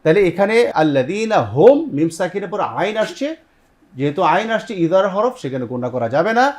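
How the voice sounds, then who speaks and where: Teaching tajweed on TV, a Bangladeshi Quran recitation teacher and host explains each step, puts questions to his students, repeats their responses, and slowly sounds out Arabic. His high voice has lively intonation and a darkish tone.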